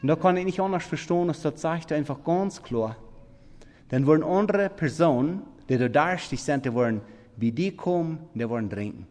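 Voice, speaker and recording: A man preaching a sermon in halting, non-standard German, swinging between loud emphatic scripture reading and quiet murmured asides. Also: on the high side, lively intonation. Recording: long reverb of a big hall.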